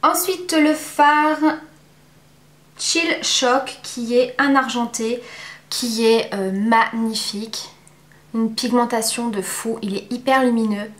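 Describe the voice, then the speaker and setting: A woman giving a casual, chatty makeup review at home, pausing often on fillers. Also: a little high, echoey room. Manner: chatty, many filler pauses. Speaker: beauty vlogger.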